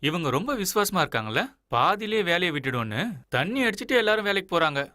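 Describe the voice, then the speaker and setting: An actor playing a good-natured young village man in a dubbed film, talking earnestly with a gentle joking manner. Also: sits high, sing-song, fast, no room sound, studio quality, heavily acted. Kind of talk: Tamil-dubbed film dialogue. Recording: dialogue under loud film score.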